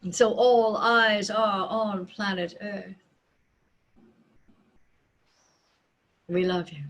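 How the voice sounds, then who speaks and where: Solemn and deliberate, with dramatic pauses, a tender-sounding medium in a seance trance voices a loving, peaceful spirit collective. Her mid-range voice holds a steady tone, and the sound is lo-fi.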